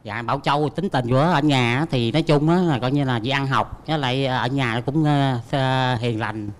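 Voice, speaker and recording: An older man speaking haltingly with many fillers, a contestant's relative on a dating show. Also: mid-range voice, slight background noise.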